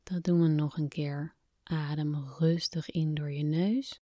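Woman doing a guided relaxation, really slow soft spa whisper, low mellow voice. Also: steady tone, no room sound, studio quality. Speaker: podcast host, relaxation guide.

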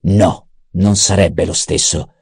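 A man voicing a cruel, mocking old baron in an audiobook, gruff and menacing. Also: deep voice, steady tone, slow pace, darkish tone, no echo, studio quality, full character voice. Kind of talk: audiobook character voice.

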